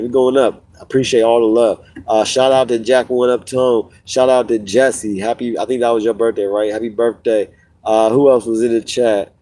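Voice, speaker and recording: A podcast host with a warm, mellow voice on the low side speaks directly to viewers during a casual livestream. He is getting over a cold, sniffling and a bit stuffy. His stories loop around as he repeats and restarts phrases.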